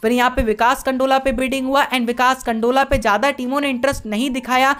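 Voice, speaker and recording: A woman gives a brisk voice-over recap of auction results. Her voice sits slightly high and she keeps a steady listing rhythm, dropping English words into Hindi sentences. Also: clear, resonant tone. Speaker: sports video narrator.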